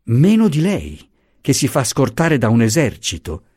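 A man's voice: medium pitch, huge pitch swings, measured pace, a little mellow, slightly rough, no echo, studio quality, exaggerated voice. A man voicing a proud, defiant young wife and mother in an audiobook, cutting and trembling with anger. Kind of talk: audiobook character voice.

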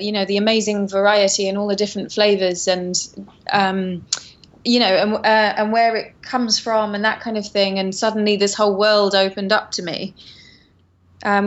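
A woman's voice: mid-range voice, fairly bright tone, dull audio. A woman from Surrey with a Home Counties English accent chats casually as an interview guest, explaining things in a loose, hedging way. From Surrey, England. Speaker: interview guest, tea company founder.

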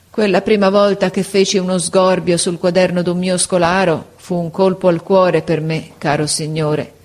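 A woman voicing a frail, gentle old male schoolteacher in an audiobook, speaking slowly and tenderly. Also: lowish voice, natural voice. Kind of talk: audiobook character voice.

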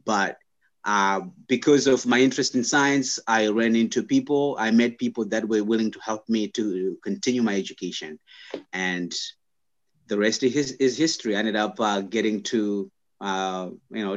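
A man from Zimbabwe, a scientist and guest, telling his life story in casual interview talk, pausing often with fillers and restarts. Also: on the low side, highs cut off. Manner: halting, many "uh" fillers and restarts.

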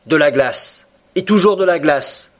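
A blunt, stubborn harpooner, as a man reads him, gruff and impatient. The voice sits a little higher than the narrator's own in a storybook reading. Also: lively intonation, unhurried. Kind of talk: audiobook character reading.

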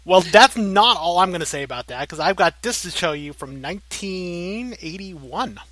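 A man's voice: sits high, lively intonation, normal speed, bright, forceful tone, no room sound. A man hosting a casual podcast, teasing his co-host playfully and giggling often, on a close mic.

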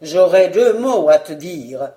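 Woman playing a nervous hesitant baron, lower placating voice, mellow lively storybook reading. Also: takes it slowly, reverberant. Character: timid, evasive middle-aged baron collector.

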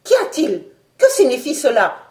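A woman voicing a commanding older male scientist who shouts urgent orders. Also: a little high, very animated, moderate pace, echoey room. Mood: alarmed. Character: commanding elderly male scientist, cool-headed.

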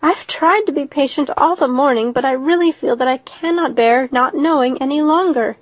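A woman's voice: high-pitched, takes it slowly, dry recording, voice pushed up. A woman voicing an emotional, dreamy orphan girl in an audiobook, earnest and effusive, on a slightly dull recording. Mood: imploring. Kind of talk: audiobook character voice.

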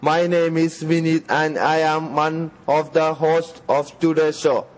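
Flat-voiced male radio co-host. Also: a little high, measured pace. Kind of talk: scripted radio introduction.

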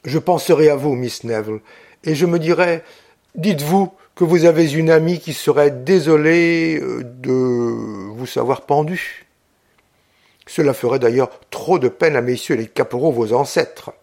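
A man's voice: a little high, a little slow, creaky, a little mellow. A man reading an audiobook, voicing a proud, gloomy young Corsican officer who speaks earnestly. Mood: brooding. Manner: earnest and brooding.

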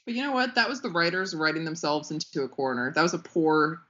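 A woman co-hosting a casual podcast, opinionated and quick to laugh. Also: low voice, very animated, sharp tone, muffled recording. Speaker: podcast co-host.

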